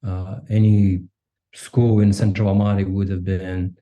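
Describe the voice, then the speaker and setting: A man in his forties from Kazakhstan, a native Russian speaker, answering interview questions in a measured, reflective way and often tagging his points with a questioning "right?". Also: low-pitched, flat delivery, highs cut off. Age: 40s. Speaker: guest.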